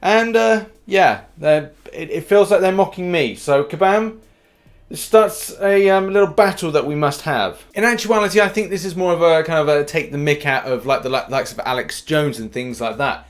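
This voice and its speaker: A British gaming news YouTuber hosts an upbeat update, his voice on the high side and moderately paced. He's informal and cheeky, hitting the beginnings of his phrases with punch.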